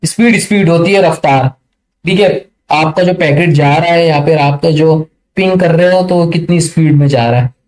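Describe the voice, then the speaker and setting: A man teaching a networking lesson over a screen share, chatty and often checking that listeners follow, reading English passages slowly and haltingly. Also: fairly high pitch, a little mellow. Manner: chatty, keeps checking understanding. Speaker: networking tutor.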